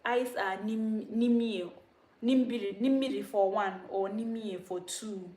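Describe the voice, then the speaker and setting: A woman, a Dagaare speaker, casually teaching vocabulary on a livestream, repeating words slowly and laughing at herself often. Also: mid-range voice, mellow, reverberant. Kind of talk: casual spoken language lesson.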